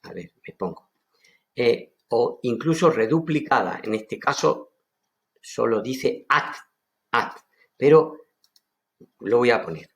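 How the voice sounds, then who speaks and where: Lively, slow-spoken Andalusian man teaching. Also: mid-range voice, gravelly. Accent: Andalusian Spanish. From Seville, Spain. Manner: enthusiastic, lively explainer who repeats words slowly. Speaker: Aramaic teacher. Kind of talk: online language lesson.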